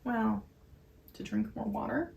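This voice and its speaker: A woman's voice: fairly high pitch, slow pace, gravelly, recorded from a distance, lo-fi sound, a little hiss or hum. Earnest woman in an echoey room. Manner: earnest, explaining with many fillers. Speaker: podcast co-host. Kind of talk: casual wellness chat. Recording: echoey room heard from afar.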